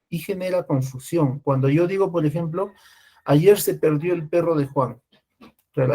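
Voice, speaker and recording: A man giving a classroom lecture in a slightly high voice. He talks through his points patiently, often pausing to check that the class is following, and he restarts words as he goes. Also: darkish tone, breathy edge. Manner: explains with frequent "¿no?" and "¿ya?" checks, restarts. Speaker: teacher.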